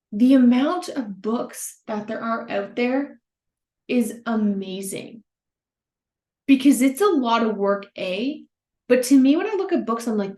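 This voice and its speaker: A young woman in her twenties hosts a solo motivational podcast from home, her voice sitting a little on the high side. She talks earnestly and brightly, speaking straight to her listeners. The room around her sounds noticeably echoey. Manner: earnest, upbeat, addresses listeners as "you guys". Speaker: podcast host.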